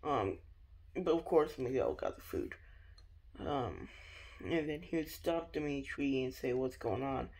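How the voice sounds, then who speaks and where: A man's voice: fairly high pitch, expressive, unhurried, long pauses, darkish tone. A young man rambling through a fan theory in a casual, hesitant way, full of ums and restarts.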